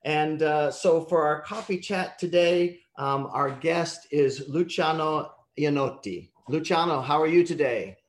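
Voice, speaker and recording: A man hosting a live online chat, relaxed and full of little fillers. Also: on the high side, unhurried, few pauses, roomy sound. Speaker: host.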